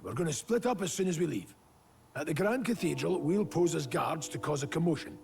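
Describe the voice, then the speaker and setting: A man voicing a steady older male leader who gives orders and parts from his daughter. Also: a little high, brisk, gravelly, soft background music, pitched above the performer's own voice. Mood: firm.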